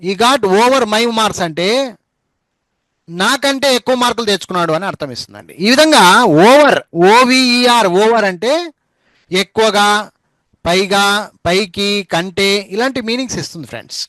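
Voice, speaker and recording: A man teaching an English spelling lesson, spelling words out letter by letter and repeating them slowly. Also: high voice, expressive, a bit bright, dry recording, rough recording. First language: Telugu.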